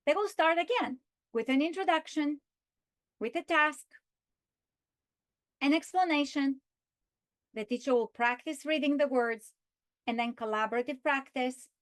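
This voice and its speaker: Slowly and deliberately, a woman who trains teachers explains a reading lesson plan and models the lesson script for them. Her voice is fairly high, and she draws out key words when demonstrating how to say them.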